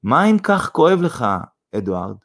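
A shy, gentle young village woman who speaks softly in a lifted voice, as a male storyteller puts her on. She sounds tender. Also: a little high, sing-song, voice pushed up. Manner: soft, gentle.

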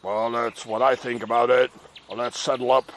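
A middle-aged vlogger walks a countryside path outdoors, rambling and ranting in a meandering monologue and often tagging questions onto his remarks. His voice is medium-pitched and level in tone, at a moderate pace.

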